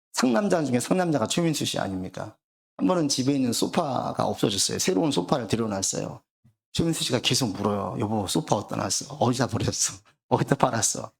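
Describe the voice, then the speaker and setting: A man's voice: medium pitch, creaky. A man preaching a sermon as pastor, telling anecdotes and acting out the dialogue of the people in them. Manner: storytelling, acts out quoted dialogue.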